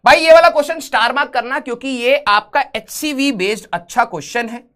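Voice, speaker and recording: A man's voice: very high-pitched, a little fast, a bit bright. A man teaching physics in a live online class, teasing his students with jokes and banter before reading out questions. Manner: switches to English when reading questions.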